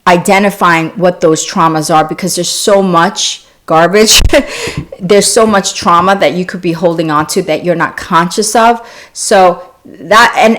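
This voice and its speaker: A woman with a fairly low voice hosts a wellness live stream, chatting in a loose, unscripted way. She greets viewers, answers their questions and often restarts her sentences. She was born in South Korea. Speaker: wellness channel host. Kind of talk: casual live-stream chat.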